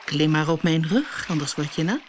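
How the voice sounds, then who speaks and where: A woman voicing a sly, persuasive male fox in a storybook reading, speaking low and calm. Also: moderate pace, slight background noise. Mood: coaxing.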